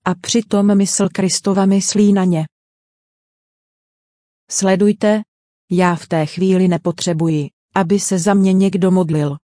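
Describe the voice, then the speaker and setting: A woman's voice: medium pitch, fairly even intonation, long pauses, dark tone, dry recording, studio quality. A woman giving a dubbed sermon voice-over in an earnest, direct preaching manner.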